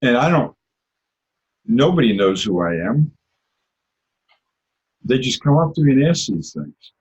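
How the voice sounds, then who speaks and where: Husky-voiced man teaching a religious class. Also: medium pitch, very animated, measured pace, a little mellow. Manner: conversational, tells personal stories. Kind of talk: informal religious lesson. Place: lives in Israel. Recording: dull lo-fi recording.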